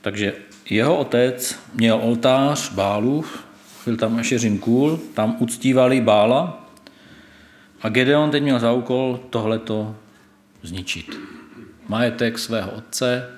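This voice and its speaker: A man preaching a sermon, retelling a scripture story and stressing God's words, with a few hesitations. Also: mid-range voice. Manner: thoughtful, with hesitations. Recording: echoey room.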